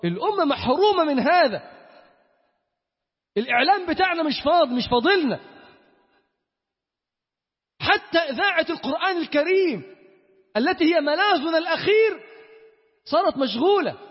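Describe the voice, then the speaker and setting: A man with a very high, expressive voice and an Egyptian Arabic accent gives a Friday sermon with recitation and supplication, speaking at normal speed with frequent pauses. He preaches emphatically, repeating key phrases. The recording has a dull sound and the long reverb of an echoey hall.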